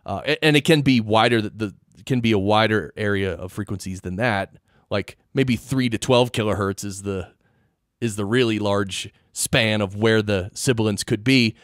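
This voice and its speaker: A man's voice: on the low side, normal speed, no room sound. Dry, close-miked man hosting a podcast. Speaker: podcast host. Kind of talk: casual technical interview chat. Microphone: dynamic studio mic an inch from mouth.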